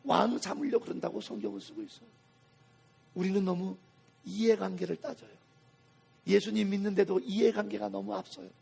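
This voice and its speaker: A high-voiced, gravelly man preaches a sermon in a church. His voice is raspy and husky. He swings from hushed, low passages to loud, emphatic rises. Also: steady tone, brisk, long pauses. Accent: Korean. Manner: dramatic preaching with acted quotes and sudden swings in loudness. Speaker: senior pastor. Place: church sanctuary.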